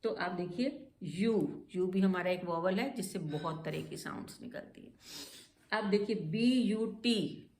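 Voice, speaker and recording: A woman teaching English pronunciation, spelling out letters and repeating words slowly. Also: on the low side, darkish tone, reverberant, slight background noise.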